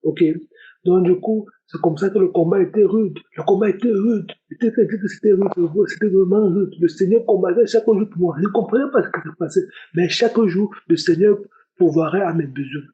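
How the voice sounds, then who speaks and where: A man's voice: high-pitched, fairly quick, mellow, lo-fi sound, a little hiss or hum. A young man giving a spoken religious testimony, earnest and repeating his words often. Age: young adult. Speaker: testimony giver.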